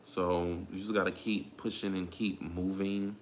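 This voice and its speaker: A man's voice: deep voice, flat delivery, a little hiss or hum. A man with a Southern US accent giving a casual tarot reading, laid-back and a little tired, often repeating his phrases. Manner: laid-back, drawn-out, repeats phrases while calling on spirit. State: tired, drained. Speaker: tarot reader.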